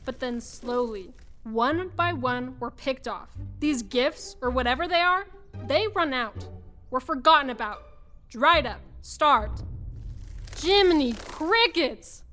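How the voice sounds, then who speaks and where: Super high bright voice, determined young city ladybug girl, dramatic, kids audio adventure. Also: lively intonation, slow, faint music behind, full character voice. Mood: grave warning. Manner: dramatic, urgent, forceful. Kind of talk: audio drama acting for children.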